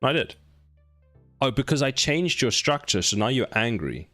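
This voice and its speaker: A man's voice: medium pitch, sing-song, moderate pace, a bit bright, dry recording, soft background music. A man streaming game development, chatting casually and playfully scolding his code as if it were alive. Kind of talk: casual live-stream chat while coding.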